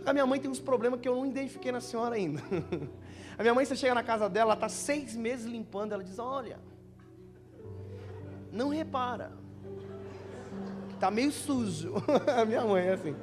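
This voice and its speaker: High-voiced Brazilian preacher joking with a crowd. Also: male voice, fast, long reverb tail. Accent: Brazilian Portuguese. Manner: joking, storytelling, addressing listeners as brother. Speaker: pastor. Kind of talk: lively conference sermon. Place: church youth conference before a crowd. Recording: live church sound with music underneath.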